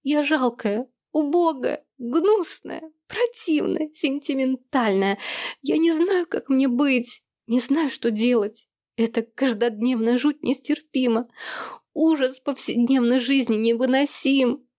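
A woman's voice: slow pace, darkish tone. A woman voicing a dramatic, self-pitying teenage girl who is crying and wailing. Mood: sobbing despair. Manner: wailing, high and strained.

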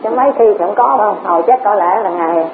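A woman's voice: medium pitch, fast talker. Woman, Dharma teacher, repeats herself, poses rhetorical questions, tinny tape with faint hiss. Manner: repetitive, rhetorical questions, chuckles often. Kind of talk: Dharma talk.

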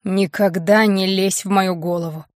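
A woman's voice: medium pitch, steady tone, unhurried, dry recording, studio quality, natural voice. A woman reading the lines of a hot-tempered young werewolf man in an audiobook, curt and growling. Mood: furious.

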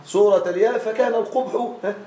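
A man with a fairly high voice teaches grammar in a classroom lesson. He stretches out each example form slowly and keeps checking that the students follow. The room sounds echoey and hollow. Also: mellow. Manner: checks on students with frequent questions; drawn-out slow spelling of example forms.

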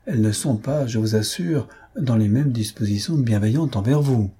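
An older society mother speaks with a polite but pointed edge, as a male narrator lifts his voice. The sound is husky. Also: mid-range voice, moderate pace, warm tone.

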